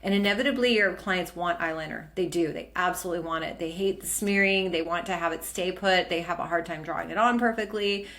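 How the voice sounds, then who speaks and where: A middle-aged woman gives a training lesson on permanent makeup, walking through her slides. Her voice sits on the low side. She talks in an enthusiastic, chatty way with plenty of fillers. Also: a little fast, hardly any pauses, a bit bright.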